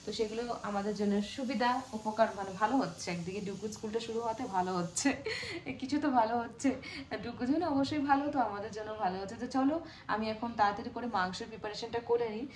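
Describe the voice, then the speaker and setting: A woman's voice: a little high, quick pace. Young female family vlogger, casual and chatty, cooking at home; roomy echo, faint background hum. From Bengal, living away. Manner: chatty, talks to viewers while cooking. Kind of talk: casual home vlog narration. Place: home kitchen. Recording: echoey kitchen with faint ambience.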